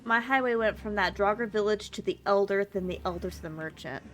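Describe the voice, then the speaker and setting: Chatty woman streamer over clear game music. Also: medium pitch, a little fast, a bit bright. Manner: chatty, thinking aloud, mild swearing. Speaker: live streamer. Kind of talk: casual gaming livestream commentary.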